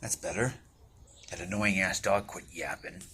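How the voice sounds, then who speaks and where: A man's voice: deep voice, normal speed, pushed and bright, a little hiss or hum. A man in his twenties casually rambling with mumbled asides and offhand swearing while he works outside in a backyard. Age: 20s. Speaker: vlogger. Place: outdoors in a backyard under a roof.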